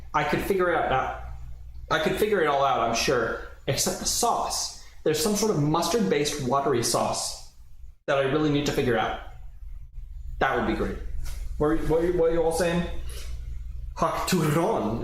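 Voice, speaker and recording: A man's voice: a little high, expressive, unhurried, pauses often. A man casually chatting on a livestream while he cooks in his apartment kitchen, rambling and often cutting himself off. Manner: rambling, self-interrupting, chatty. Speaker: streamer. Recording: very echoey room, faint background noise.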